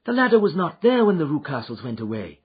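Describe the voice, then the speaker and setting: A man's voice: a little high, sing-song, quick pace, slightly rough, voice pushed up, full character voice. A man playing an anxious young female governess, on a dull recording. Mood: alarmed.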